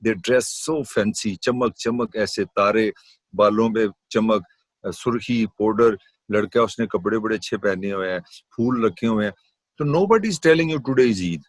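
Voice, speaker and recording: A middle-aged man with a Punjabi-accented Urdu, giving an animated classroom lecture and slipping English phrases into his talk. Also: lowish voice, dry recording. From Pakistan. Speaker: university lecturer.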